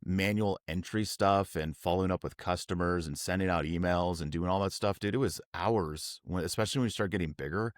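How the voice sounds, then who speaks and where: A man co-hosting a casual business podcast, agreeing earnestly and trailing off quietly at the ends of sentences. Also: low voice, a little fast, hardly any pauses, no echo, clean studio sound. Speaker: podcast co-host.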